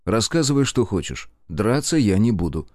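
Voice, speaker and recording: A man voicing a calm young gentleman who speaks firmly and curtly as he loses patience. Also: fairly low pitch, moderate pace, no echo, studio quality. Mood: stern. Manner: firm and curt.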